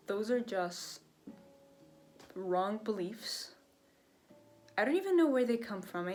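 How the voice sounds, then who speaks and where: A young woman vlogging in a casual, rambling way, full of fillers as she thinks aloud. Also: medium pitch. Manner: chatty, rambling, lots of fillers. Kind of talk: casual reflective vlog. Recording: faint jazz music behind. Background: faint jazz music.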